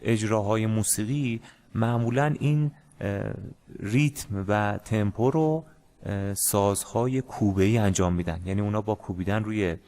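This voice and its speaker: A man teaching a music lesson in a casual, hesitant way, with many pauses and fillers. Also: on the low side, darkish tone. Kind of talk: casual screen-share lesson.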